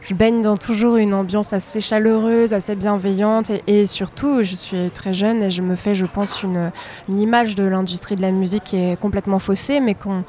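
A woman's voice: medium pitch, steady tone, moderate pace, mellow, slight background noise. A young woman from south-east France, a singer-songwriter, answering interview questions in a conversational way.

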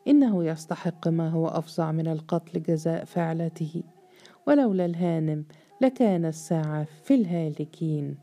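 A woman with a low-sitting voice plays an enraged male estate overseer, full of fury and contempt. At a moderate pace, he shouts insults and interrogates sharply.

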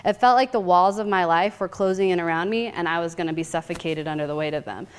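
A woman in her thirties giving an energetic, candid teaching talk about her own hard years, laughing at herself. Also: fairly low pitch, fast, smooth. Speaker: guest speaker.

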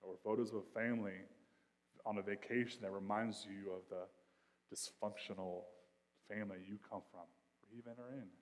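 A man preaches from the pulpit in a loose, conversational way, dropping slang and asides into his sermon. His voice sits low and moves between hushed reflection and loud intensity. A long reverb from the church hall trails every phrase. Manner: swings from quiet reflection to loud, intense delivery. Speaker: pastor.

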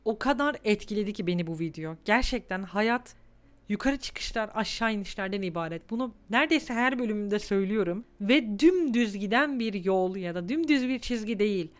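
On her solo podcast, a young woman in her twenties shares reflective, candid thoughts with deep emotion, nearly crying at times. Her delivery is brisk, with lively intonation and a medium pitch.

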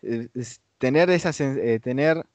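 A man with a Rioplatense Spanish accent co-hosts a casual podcast chat, enthusiastic and tripping over his words. His mid-range voice is unhurried and a little mellow, with no echo.

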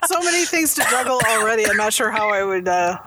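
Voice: medium pitch, very animated, fast talker, very noisy. A tired podcast co-host chatting casually from inside a car, rambling and correcting themselves. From Minnesota. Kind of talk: casual chat.

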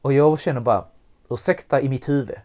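Candid, swearing man telling a story. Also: medium pitch. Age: adult with young child. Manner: candid, swears freely, animated, acts out quotes. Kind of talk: personal storytelling in conversation.

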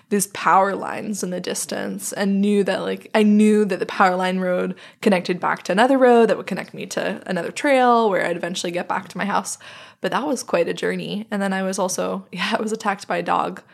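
Podcast interviewer: woman, mid-pitched with a creaky edge, reflective, casual conversational delivery. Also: steady tone, fairly quick.

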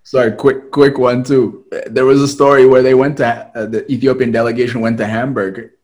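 A young man co-hosting a podcast, telling stories in casual chat with lots of fillers and restarts, getting animated as he goes. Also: medium pitch, normal speed. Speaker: podcast co-host.

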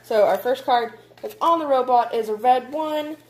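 A woman's voice: high voice, normal speed. A young woman at home, casually explaining game rules to a child while they play. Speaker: channel host playing a card game with a child. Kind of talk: casual chat. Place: home, indoors.

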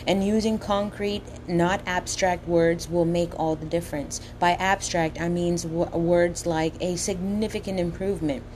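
A woman with a slushy lisp on her s sounds reads a scripted motivational talk as a coach, emphatic and deliberate, often putting questions to the listener. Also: fairly low pitch, fairly even intonation, a little mellow, slight background noise.

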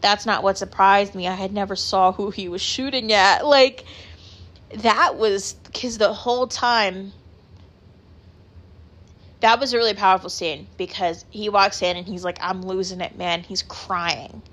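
A woman's voice: mid-range voice, a little slow, fairly bright tone. A woman hosting a casual chat, rambling with lots of filler words and casual swearing. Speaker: podcast host.

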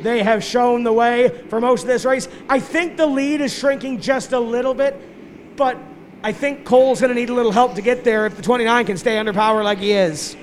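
High-pitched male motorsport commentator. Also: fairly even intonation, a little fast. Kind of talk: live stock car race play-by-play commentary. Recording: noisy trackside ambience.

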